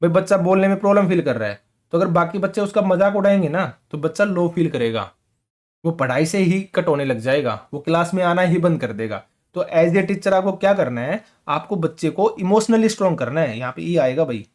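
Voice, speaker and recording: High-voiced man teaching in chatty Hindi. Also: lively intonation, brisk, darkish tone. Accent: rural North Indian Hindi. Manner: conversational, keeps asking "ठीक है?"; colloquial Hindi mixed with English terms. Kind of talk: exam-prep lecture.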